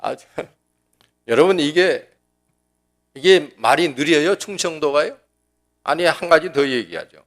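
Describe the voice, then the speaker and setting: A man's voice: on the high side, expressive, a little slow, pauses often. A pastor preaching a sermon in a folksy, joking, conversational way, often restarting his sentences. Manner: folksy and joking, acting out dialect quotes.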